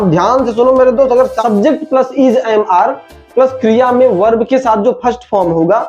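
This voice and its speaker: A man's voice: high-pitched, a little mellow. A man teaching an online English grammar lesson, repeating each rule and calling the listener his friend. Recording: dull lo-fi sound with faint music.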